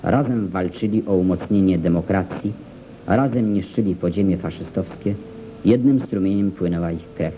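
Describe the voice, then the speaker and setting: A man giving grave, measured narration for an old newsreel, slowing on solemn words, heard through an old film soundtrack. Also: low-pitched, mellow. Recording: dull lo-fi film soundtrack with faint hiss.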